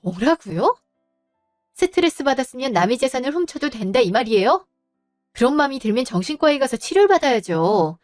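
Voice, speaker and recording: A wronged daughter-in-law stands her ground in a polite, measured, firm voice, acted by a woman. The tone is somewhat high and dry, with faint music behind it. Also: sing-song, no echo. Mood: indignant.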